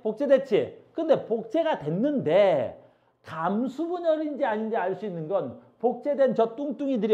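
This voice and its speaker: A man's voice: sits high, muffled recording. A male science teacher lecturing a class while drawing, asking questions and answering them himself, repeating key phrases. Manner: repeats key phrases, calls out playful commands.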